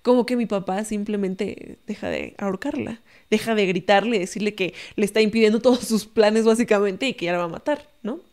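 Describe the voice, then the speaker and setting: A young woman with a Mexican accent tells a story in a relaxed conversation. She keeps it animated, often tags her lines with a questioning "¿no?", and acts out the people she quotes. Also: mid-range voice, brisk, hardly any pauses. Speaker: podcast guest storyteller. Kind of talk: casual storytelling.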